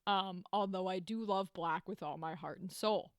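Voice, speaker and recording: A woman's voice: fairly low pitch, normal speed, clean tone, dry recording, clean studio sound. A young woman co-hosting a podcast, talking bluntly in casual chat, swearing freely and laughing often. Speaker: podcast co-host.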